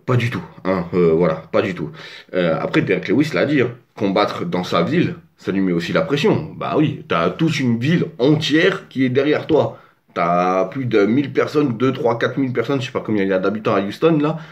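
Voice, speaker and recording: A man's voice: on the low side, animated, fairly quick, lo-fi sound. A man from France casually breaking down a fight on his own at home, rambling with lots of fillers and restarts. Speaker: MMA fight commentator. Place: home desk.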